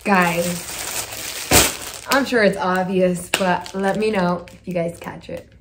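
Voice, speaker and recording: A woman's voice: lowish voice, slow pace, very noisy. Chatty woman filming herself on phone. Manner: chatty, excited, addresses viewers as guys. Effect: phone video recording. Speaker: vlogger. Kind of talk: casual vlog talk to viewers. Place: at home indoors. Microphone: phone camera.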